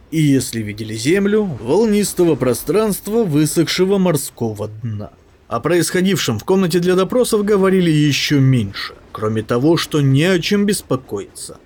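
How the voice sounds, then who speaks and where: Expressive male audiobook narrator. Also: a little high.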